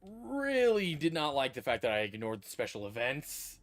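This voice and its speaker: A man's voice: mid-range voice, big pitch swings, moderate pace. A man streaming a video game, talking casually and thinking aloud with meandering restarts. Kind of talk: casual livestream commentary.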